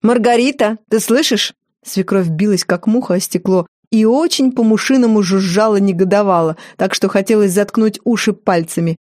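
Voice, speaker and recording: A woman narrating a first-person audiobook in a wry, lively storytelling manner. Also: medium pitch, moderate pace, few pauses, no echo, clean studio sound.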